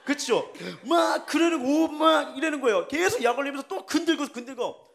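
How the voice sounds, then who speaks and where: A man's voice: very high voice, moderate pace, creaky. A man preaching a sermon as pastor, telling a story with laughter and acted-out dialogue. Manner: lively storytelling, acting out family quarrels with laughter. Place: church sanctuary.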